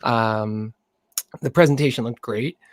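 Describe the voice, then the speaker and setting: A man's voice: mid-range voice, measured pace, no room sound. A man giving hesitant, filler-heavy feedback as a cooking judge over a video call.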